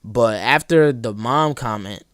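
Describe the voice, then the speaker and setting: A man's voice: medium pitch, unhurried, a bit bright, no echo, clean studio sound. A young man hosting a casual chat, talking bluntly in slang with lots of "like" and "bro". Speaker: host.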